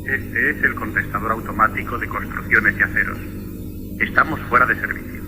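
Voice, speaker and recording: An actor in a radio drama playing a recorded male company greeting heard as answering machine playback, with a flat, formal announcing manner. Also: lowish voice, a little fast, soft background music.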